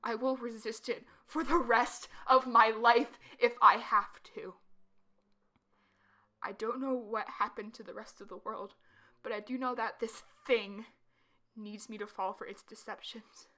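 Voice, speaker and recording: A woman playing a blinded, paranoid and defiant asylum patient, narrating a horror story with hushed, creeping intensity. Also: mid-range voice, fairly even intonation, normal speed, lightly acted. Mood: hushed, wary resolve. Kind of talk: dramatic horror story narration in first person.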